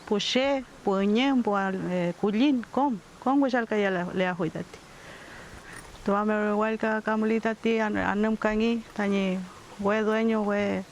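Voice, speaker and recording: Unhurried older community elder, reflective, faint hiss in the background. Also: medium pitch, gravelly, rough recording. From southern Chile. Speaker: community leader. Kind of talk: documentary testimony mixing Spanish and Mapudungun.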